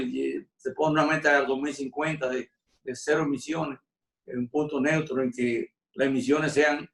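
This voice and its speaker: A man's voice: on the high side, echoey room. A man hosting a radio interview, thinking aloud as he asks questions and stumbling over repeated words. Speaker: radio host.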